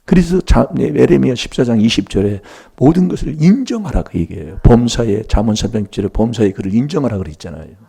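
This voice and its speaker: A man's voice: medium pitch, lively intonation, quick pace, vocal fry, hardly any pauses, warm tone, breathy edge. A middle-aged man preaching a sermon in a church, emphatic and prompting the congregation for replies.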